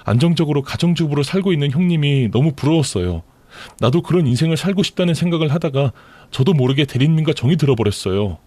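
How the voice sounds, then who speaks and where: A man voicing a desperate, pleading young pregnant woman in a storytelling radio drama, whining and begging in a shrill tone. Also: lively intonation, fast, dark tone, no room sound.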